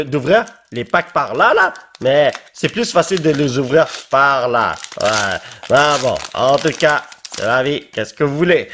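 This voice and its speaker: A tired young man with a Québécois French accent, excitedly opening Pokémon cards in a casual vlog and tossing in English exclamations. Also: on the high side, slight background noise. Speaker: YouTuber.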